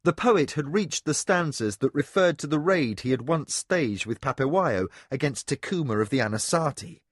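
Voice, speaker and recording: Expressive male audiobook narrator. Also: mid-range voice, husky, no room sound, studio quality. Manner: expressive storytelling. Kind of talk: scripted narration.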